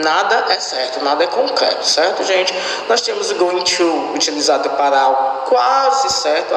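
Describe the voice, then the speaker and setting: A high-voiced man explains the lesson slowly and keeps checking in with his students. His voice has a gravelly edge and rings out in an echoey room with a long reverb tail. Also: a bit bright, slight background noise. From Brazil. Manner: slow and explanatory, often checks in with the class. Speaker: English teacher. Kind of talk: recorded online lesson.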